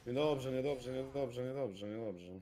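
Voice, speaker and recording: A man talking over a team voice chat during a match, his voice mellow and dark-edged rather than bright. He swears a lot and repeats short callouts in quick bursts. His pitch sits right in the middle for a man. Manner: swearing, rapid tactical callouts. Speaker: game teammate. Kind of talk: casual gaming voice chat.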